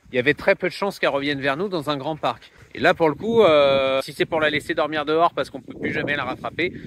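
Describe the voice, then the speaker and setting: A man's voice: a little high, noisy background. A young man who runs a dog boarding kennel, chatting playfully on a handheld phone outdoors and calling to the dogs. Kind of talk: casual vlog narration. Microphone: phone held in hand.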